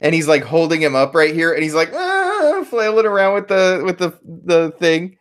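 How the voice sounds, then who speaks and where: A man's voice: a little high, fairly even intonation, a little fast, clear, resonant tone. A man running a tabletop game as game master, chatty and full of fillers and restarts.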